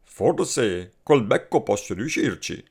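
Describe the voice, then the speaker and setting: Man voicing a confident friendly swallow for a storybook tale; coaxing, lively, a bit gravelly. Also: fairly low pitch, takes it slowly, heavily acted. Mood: encouraging.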